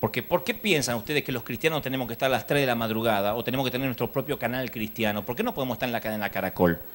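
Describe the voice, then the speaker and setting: His mid-range voice racing, a Rioplatense-accented preacher delivers a humorous sermon before a live church conference audience. He animates his stories by acting out each exchange.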